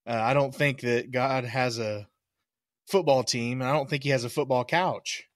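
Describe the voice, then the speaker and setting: A man's voice: medium pitch, fairly even intonation, normal speed, dry recording, clean studio sound. A young man co-hosting a podcast, telling a story in casual chat with hesitant fillers. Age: young adult. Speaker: podcast co-host.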